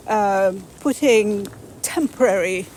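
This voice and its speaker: A woman interviewer speaking reflectively and haltingly while walking outdoors. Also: mid-range voice, a little mellow, rough recording. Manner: reflective, hesitant, many fillers. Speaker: interviewer host. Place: outdoors in a cemetery, traffic nearby. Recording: outdoor background noise and traffic.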